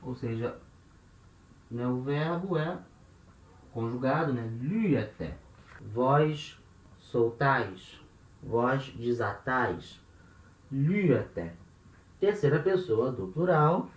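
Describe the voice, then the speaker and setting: A man's voice: medium pitch, expressive, slow pace, pauses often, reverberant, low-quality recording. A man teaching a language lesson, explaining step by step and often checking in with his listeners.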